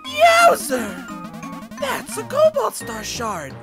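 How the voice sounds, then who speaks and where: A man voicing an excitable elderly professor scientist in a high, wavering falsetto, with theatrical exclamations, over game music. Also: drawn-out words, exaggerated voice. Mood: excited. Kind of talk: let's play voice acting.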